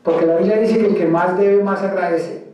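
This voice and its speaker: A man's voice: sits high, fairly even intonation, a little fast, warm tone, lo-fi sound, slight background noise. A man from Colombia, a pastor preaching an emphatic sermon and acting out the words of believers. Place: church. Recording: very echoey church hall, mic far.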